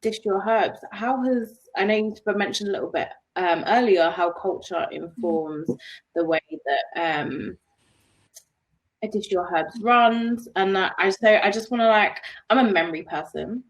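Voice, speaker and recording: A woman's voice: medium pitch, a little slow. Woman, host, hesitant rambling questions, muffled lo-fi sound. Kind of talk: casual interview questions.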